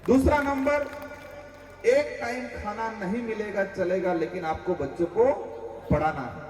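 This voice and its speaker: A man's voice: sits high, unhurried, a little mellow. A man from Rajasthan giving an impassioned rally speech, full of rhetorical questions and calls to the crowd. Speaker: political leader addressing a rally. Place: public gathering. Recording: echoey PA sound from far off.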